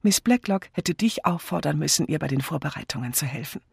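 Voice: mid-range voice, animated, fairly quick, vocal fry, slightly rough, no room sound, studio quality, voice pushed up, full character voice. A reader voicing a doll-like young wife who coaxes her husband in a wheedling, whiny tone, in an audiobook. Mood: coaxing. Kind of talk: audiobook character voice.

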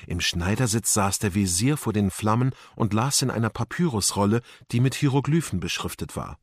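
Male audiobook narrator, expressive, husky, dry close sound. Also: lowish voice, moderate pace, no room sound. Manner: expressive storytelling.

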